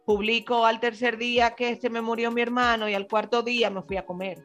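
Explaining woman with a high voice. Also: level tone, brisk, fairly bright tone, faint music behind. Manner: explanatory, agreeing, uses mi amor. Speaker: panel co-host. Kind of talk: casual panel chat.

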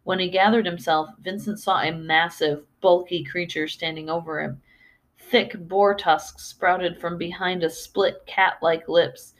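A woman's voice: fairly low pitch, low-quality recording. A woman hosting a story podcast, telling tales and chatting in an informal way with rambling asides. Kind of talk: storytelling and casual commentary. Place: room in a house.

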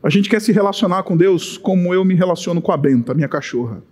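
A Brazilian man preaching with a very high voice that carries a long reverb. He is impassioned and builds to shouting on his strongest points. The sound is of a big church hall. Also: animated, quick pace. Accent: Brazilian Portuguese. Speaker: pastor. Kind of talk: sermon.

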